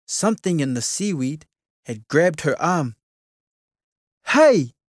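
A narrator reading a children's storybook aloud in a slow, expressive way. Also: mid-range voice, no echo, studio quality.

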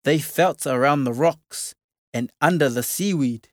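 A narrator reading a children's storybook aloud in a slow, expressive way. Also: medium pitch, no echo, studio quality.

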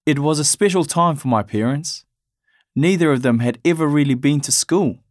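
A man from Afghanistan narrating his family's story in a measured, reflective way. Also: a little high, no room sound, clean studio sound.

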